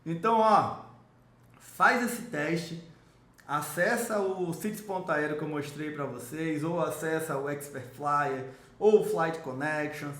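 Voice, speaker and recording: A man's voice: measured pace, a bit bright. A man from Salvador, giving an enthusiastic, salesy explainer on travel rewards and speaking straight to the viewer. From Salvador, Brazil. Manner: enthusiastic salesy pitch, addresses viewer directly. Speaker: miles and travel rewards coach. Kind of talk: promotional explainer video. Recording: roomy echo.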